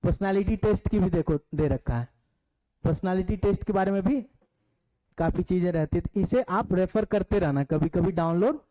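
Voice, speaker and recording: A man's voice: sits high, warm tone, rough recording. A man with an Indian accent teaching an online demo class, explaining step by step and asking the class questions. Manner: reads syllabus points aloud slowly in English.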